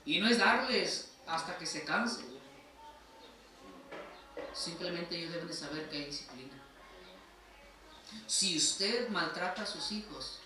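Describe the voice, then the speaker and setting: A man with a Mexican accent preaching a sermon as pastor, emphatic and repeatedly calling his listeners brother. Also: a little high. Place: church sanctuary. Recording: echoey church hall from far off, faint noise.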